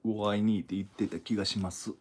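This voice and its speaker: A man, tossing out quick, offhand jokes in casual banter. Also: lowish voice, little pitch movement, breathy edge.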